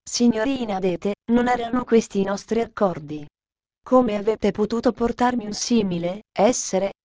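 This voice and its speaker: Brief: a woman reading a severe, scolding governess, mid-pitched voice, dry close sound. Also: moderate pace, dark tone, no echo, natural voice. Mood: cold. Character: stern strict middle-aged female governess.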